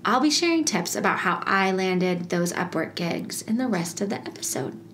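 A woman's voice: medium pitch, lively intonation, moderate pace, fairly bright tone, a little hiss or hum. A woman hosting her own podcast in a bubbly, chatty way, laughing often as she talks to listeners. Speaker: podcast host. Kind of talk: casual solo podcast.

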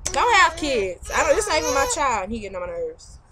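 Loud, laughing young woman on a webcam. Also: sits high, big pitch swings, fairly quick, over a noisy crowd. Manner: loud, laughing, teasing, slangy. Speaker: vlogger on a call with a friend. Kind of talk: casual chat. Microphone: computer webcam mic. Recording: noisy home webcam recording.

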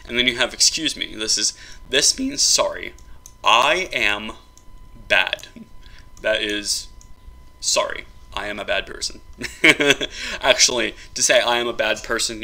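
A man explaining a phrasebook for his invented language, in a halting, casual way with many ums and restarts. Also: on the low side, gravelly, pushed and bright. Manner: halting, many ums and uhs, self-correcting.

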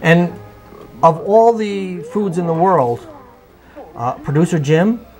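A man's voice: high voice, expressive, slow, darkish tone, poor audio. A man co-hosting in casual, joking conversation. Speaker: co-host.

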